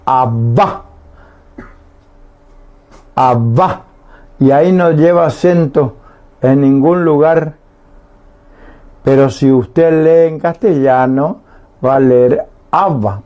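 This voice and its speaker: A man's voice: mid-range voice, mellow. A man teaching a Guarani language lesson on the radio, patiently explaining and often checking that listeners understand. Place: radio studio.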